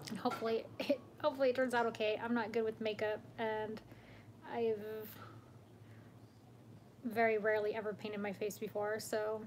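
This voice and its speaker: A woman's voice: on the high side, little pitch movement, moderate pace, long pauses, a little hiss or hum. A young woman casually chatting on a home livestream, greeting viewers by name and laughing often. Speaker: vlog host. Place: home room.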